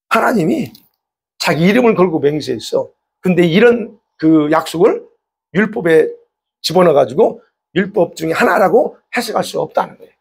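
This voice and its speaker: Gravelly high-voiced man preaching. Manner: explains by rhetorical questions and repetition; emphatic. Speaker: pastor. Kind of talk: sermon.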